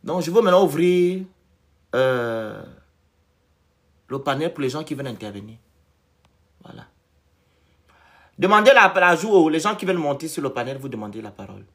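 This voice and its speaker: A man hosting a live commentary stream, with a high voice that swings up and down widely. He talks emphatically, hammering phrases again and again in loud bursts before dropping low. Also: very animated, moderate pace, long pauses.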